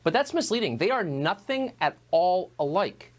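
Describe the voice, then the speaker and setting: A man delivering a scripted opinion monologue as a news host, measured and emphatic. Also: sits high, sing-song.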